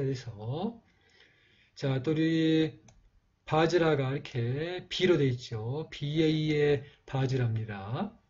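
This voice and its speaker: In a lo-fi calligraphy lesson, a man with a slightly high, dark and somewhat rough voice explains each stroke slowly and patiently. He pauses often on fillers as he goes.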